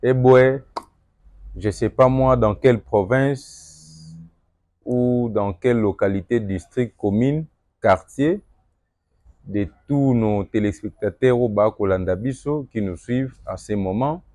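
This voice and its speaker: A young Congolese man with a Congolese French accent giving an earnest address to viewers, moving between calm reflection and emphatic appeals. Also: mid-range voice, slow, no echo. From Democratic Republic of the Congo. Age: young adult. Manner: earnest, rising to emphatic, mixes French and Lingala. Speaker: political commentator.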